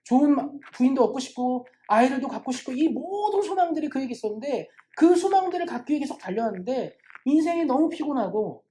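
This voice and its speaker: Fast-talking woman pastor preaching. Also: sits high, very animated, mellow. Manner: rhetorical questions to the congregation. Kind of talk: sermon. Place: church.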